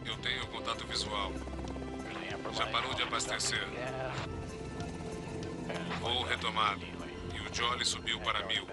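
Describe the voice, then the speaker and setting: A man's voice: on the low side, little pitch movement, a little slow, long pauses, loud music behind the voice. A man dubbing a rescue pilot, giving clipped, procedural calls over a cockpit headset radio. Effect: cockpit radio headset transmission. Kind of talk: dubbed radio chatter.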